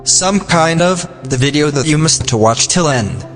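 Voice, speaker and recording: A synthetic male text-to-speech voice like an old speech synthesizer, reading a scripted narration in a flat, mechanical manner. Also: a little high, unhurried. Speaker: video narrator. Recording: long reverb, music behind. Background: music.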